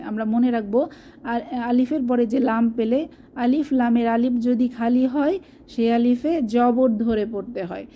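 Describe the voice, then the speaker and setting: Woman teaching quran recitation, slow and patient, stretches words out, slightly high voice, faint background hiss. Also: mellow. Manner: slow, drawn-out demonstration of recited words between explanations. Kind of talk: step-by-step recitation lesson.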